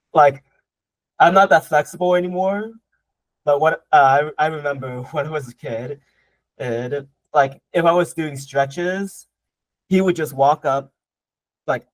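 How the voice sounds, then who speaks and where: A young man from Southern Vietnam, a guest martial artist, answers interview questions casually, hesitating a lot and full of fillers and restarts. His voice is fairly high. The recording is low quality with no room sound.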